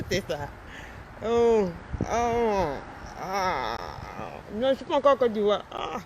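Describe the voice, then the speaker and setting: A woman's voice: mid-range voice, sing-song, slow pace, a little mellow, a little hiss or hum. A woman in her forties, a life coach chatting casually on a live stream, talking with a slight lisp from a dental aligner and answering viewers' comments. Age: 40s.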